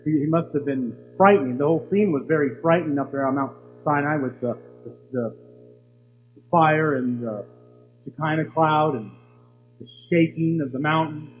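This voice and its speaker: A man preaching a sermon as a pastor, teaching with rhetorical questions. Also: a little high. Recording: tinny, hall reverb, faint hum.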